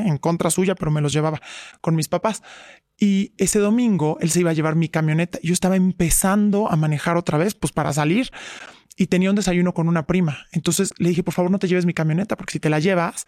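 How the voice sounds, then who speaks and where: A middle-aged woman gives earnest personal testimony as an interview guest, retelling past quarrels by acting out both sides. Her voice is lowish and darkish in tone, captured as clean studio sound with no echo.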